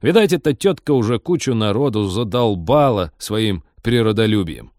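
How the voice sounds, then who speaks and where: A man voicing a brash, tipsy young spaceship pilot who talks slangy and loud. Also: lowish voice, lively intonation, moderate pace, no echo, clean studio sound, natural voice. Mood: boastful. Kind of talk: audiobook character voice.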